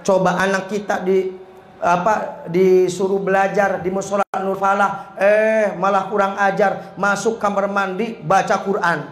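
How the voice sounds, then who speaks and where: A preacher doing an exasperated dad. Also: male voice, sits high, little pitch movement, a little slow, a bit bright, roomy sound. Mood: indignant. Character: exasperated middle-aged father, tearful.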